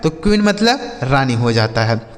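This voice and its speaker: A man's voice: medium pitch, very animated, long reverb tail. A man teaching English words one by one, spelling each aloud, asking questions and answering them himself. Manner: slow and deliberate, spells letters and repeats each word. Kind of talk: word-by-word spelling lesson.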